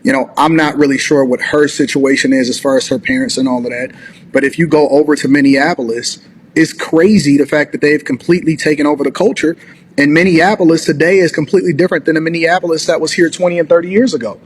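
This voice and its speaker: A man's voice: fairly high pitch, fairly even intonation, quick pace, slight background noise. A man hosting a reaction commentary, talking in long rambling sentences full of "you know". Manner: rambling, filler-heavy, argumentative. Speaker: commentary host.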